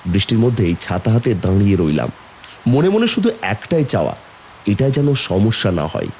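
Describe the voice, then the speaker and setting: A man with a fairly low, slightly mellow voice tells a horror story in the first person, playing a somber young man recounting an eerie burial. His delivery is very animated at a normal speed, brooding and suspenseful. Slight background noise is audible.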